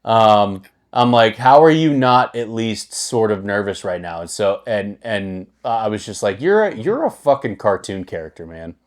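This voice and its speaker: Low-voiced, profane podcast co-host man. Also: animated, moderate pace, hardly any pauses. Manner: profane, rambling storyteller with many restarts. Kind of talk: casual chat.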